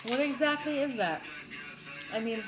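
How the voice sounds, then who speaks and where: A woman co-hosting a livestream, chatting casually and haltingly over a meal, sometimes repeating her phrases. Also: high voice, music in the background, poor audio. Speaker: co-host of a livestream mukbang.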